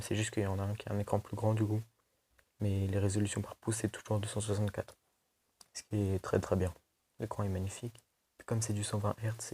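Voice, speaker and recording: A man's voice: lowish voice, gravelly, warm tone, a little hiss or hum. A young man casually reviewing a tablet for his video channel, chatty and loose, full of fillers and restarts. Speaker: tech video host.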